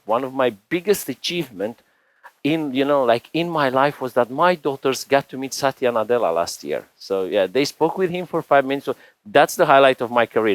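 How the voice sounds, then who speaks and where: Brief: man, 40s, from Romania, conference tech speaker, rambling and chatty, mid pitch, dry close mic. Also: dry recording, low-quality recording. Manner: chatty, rambling, frequent restarts and "you know" fillers. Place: conference stage.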